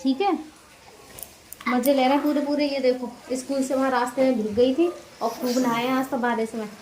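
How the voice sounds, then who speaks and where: A woman's voice: high-pitched, little pitch movement, normal speed, darkish tone, rough recording. A woman chatting casually to viewers in a home vlog, explaining each step of her caregiving routine as she does it. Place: at home during heavy rain. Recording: rain noise in background.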